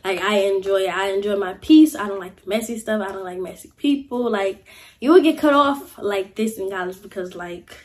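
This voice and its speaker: A woman's voice: medium pitch, normal speed. A young woman, chatting casually to camera in a life-update vlog, full of "y'all" and "like". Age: young adult. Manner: chatty, repeats "y'all" and "like", animated gestures. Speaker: vlogger. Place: small indoor room, seated in chair.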